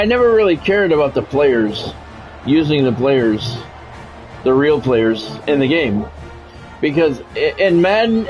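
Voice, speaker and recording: A man with a fairly high, darkish voice chats loosely and rambles while streaming a football video game. Music plays behind him on a dull, lo-fi recording.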